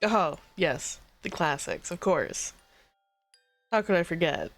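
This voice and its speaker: Slow-talking, swearing woman streamer. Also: on the low side, faint music behind. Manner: swearing, incredulous, excitable reactions. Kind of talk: casual gaming commentary.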